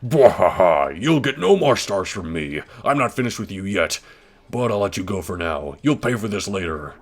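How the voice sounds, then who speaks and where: A man's voice: low voice, big pitch swings, moderate pace. A man voicing a boastful, villainous turtle monster king from a video game, taunting and blustering. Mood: grudging, threatening. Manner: taunting, blustering, growled exclamations. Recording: game music behind the voice.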